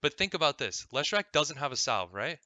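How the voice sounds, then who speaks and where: Guy coaching a gamer, super bright sharp voice, dry close sound, keeps asking right? and cursing casually. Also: fairly high pitch, very animated, fairly quick, no room sound. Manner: explains step by step, keeps checking in with "right?", swears freely. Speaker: game coach. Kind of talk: casual coaching over a gameplay replay.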